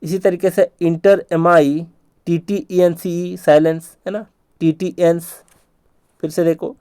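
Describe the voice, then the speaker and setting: A man teaching a spelling lesson for exam students, breaking words into slow syllables and repeating them like a chant. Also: a little high, level tone, warm tone, clean tone, dry recording, studio quality.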